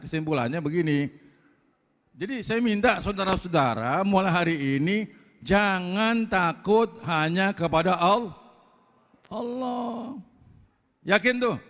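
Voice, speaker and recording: A man with a Betawi Jakarta accent preaching a fiery sermon, loud, blunt and forceful, with slangy talk. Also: high voice, long reverb tail.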